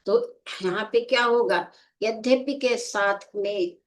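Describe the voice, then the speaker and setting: A woman's voice: fairly high pitch, takes it slowly. A woman teaching Hindi grammar in an exam coaching lecture, explaining step by step and often checking understanding.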